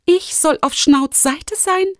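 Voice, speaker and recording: A woman voicing Lumi, a young girl forest animal who is eager and impulsive, speaking high and urgently. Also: normal speed, darkish tone, dry recording, clean studio sound. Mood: indignant.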